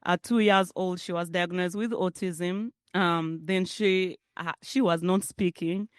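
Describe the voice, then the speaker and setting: A woman's voice: fairly low pitch, fairly even intonation, measured pace, smooth, dry recording, studio quality. Ugandan woman giving a keynote speech. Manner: warm, conversational, laughs often. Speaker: keynote speaker. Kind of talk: public speech.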